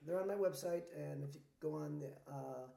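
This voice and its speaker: Laid-back rambling songwriter man, gravelly, roomy sound. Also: fairly high pitch, fairly quick, warm tone. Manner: laid-back, rambling storyteller with many fillers. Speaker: singer-songwriter guest. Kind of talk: casual interview chat.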